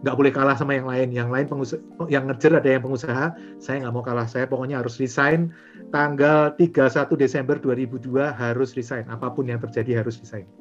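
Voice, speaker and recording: A man's voice: medium pitch, quick pace. A man in his forties, a guest on an interview show, telling his story casually with lots of fillers and acted-out back-and-forth. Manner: animated, acts out remembered dialogue, frequent fillers. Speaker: guest, property and franchise investor. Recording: dull lo-fi audio with music underneath.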